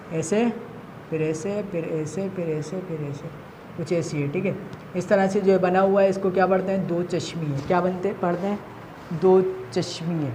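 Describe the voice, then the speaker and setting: A Pakistani woman teacher with an Urdu accent records a lesson for children in a mid-range, darkish voice. She poses questions, answers them herself, and repeats the key points, with faint noise in the background.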